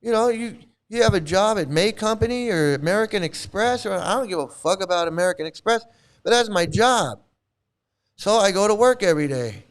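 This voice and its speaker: A middle-aged commentary channel host rants casually, profane and scornful, repeating words and trailing off into restarts. His voice is high-pitched, clear and resonant.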